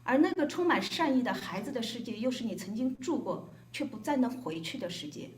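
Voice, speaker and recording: A volunteer from Shanghai reads a prepared, reflective speech at a gathering in a hotel event room, with an echoey sound. Her fairly quick voice sits on the high side with lively intonation.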